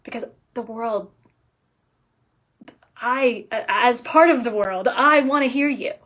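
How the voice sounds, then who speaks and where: Woman coach, fairly high voice, energetic, emphatic, soft near-whispers at times. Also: slow pace. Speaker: business coach. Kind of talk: casual live coaching talk.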